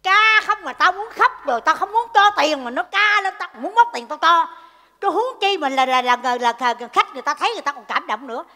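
A bossy mother scolds her beggar kids in a stage comedy sketch. Her voice is very high and bright with a sharp, shrill edge. It echoes in a stage hall over faint music. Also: animated, a little fast, heavily acted. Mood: scolding.

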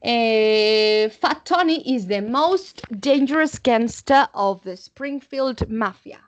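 A woman with a Spanish accent teaching an English exam-prep class online, checking in often with her students and slowing down to model English examples. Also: fairly high pitch, lively intonation, highs cut off. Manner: switches between Spanish and English, frequent "vale?" check-ins.

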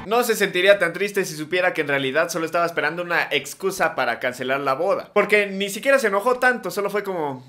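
A man's voice: sits high, fast talker, few pauses, bright, forceful tone, faint music behind. A young man doing sarcastic reaction commentary as host, often laughing. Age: young adult.

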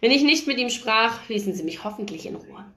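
A woman reading a first-person novel aloud in a lively, expressive storytelling manner. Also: a little high, a little fast. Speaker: audiobook reader. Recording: roomy echo.

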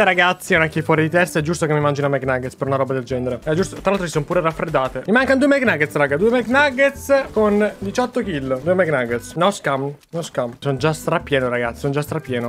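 High-voiced excitable Italian young man. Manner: animated, chatty, addresses viewers as "ragazzi". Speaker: gaming YouTuber. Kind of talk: excited gameplay commentary. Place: home gaming room.

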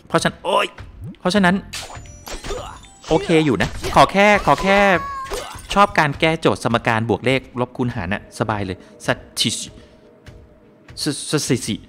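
A man's voice: fairly high pitch, normal speed, long pauses, soft background music. A man streaming a game live, joking with his chat, exclaiming often and thanking viewers for donations. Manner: animated and joking, with frequent exclamations and laughs. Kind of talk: casual live-stream gameplay commentary.

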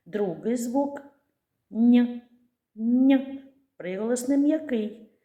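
A woman gives a slow, patient literacy lesson to small children, drawing out each sound with care. Her voice is low and mellow, and the room around her rings with echo. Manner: patient, clear, drawn-out articulation of sounds. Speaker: preschool teacher.

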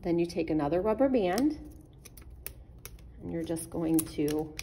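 Her voice sits a bit low and sounds mellow and expressive, moving a little slowly over faint background noise. Like a children's librarian, she patiently gives kids easy, step-by-step craft directions while seated at a wooden table indoors.

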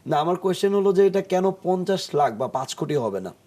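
Male TV studio guest, teacher type, mellow tone in a slightly high register, patient explainer with frequent hesitations. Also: very animated, quick pace. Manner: explains patiently, acts out jokes in English, many hesitation sounds. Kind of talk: explanatory talk-show conversation.

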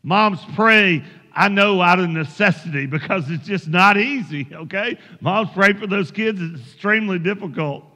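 A man's voice: high voice, moderate pace, sharp tone. A man preaching a sermon as pastor, telling folksy stories and urging the congregation emphatically. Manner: folksy storytelling, emphatic exhortation. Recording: echoey hall, dull lo-fi sound.

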